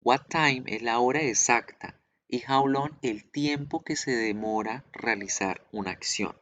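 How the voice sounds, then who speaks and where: A man's voice: medium pitch, unhurried, fairly bright tone, dry recording. A man teaching an online English class, explaining patiently and repeating pronunciation drills aloud.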